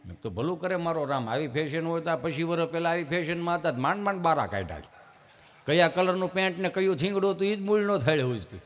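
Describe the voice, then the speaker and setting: Man, Kathiyawadi Gujarati accent, stage comedian, high voice, long hall reverb. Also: expressive, fast talker. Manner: folksy, acts out dialogue in other voices. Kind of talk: live comic storytelling. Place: live program at an ashram. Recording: reverberant live venue.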